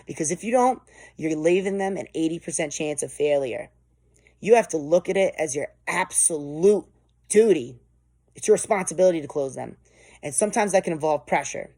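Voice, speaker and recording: A woman with a low, warm voice gives an instructional sales coaching talk, with no room sound at all. She's a sales trainer whose lesson is emphatic and motivational, pushing with real intensity.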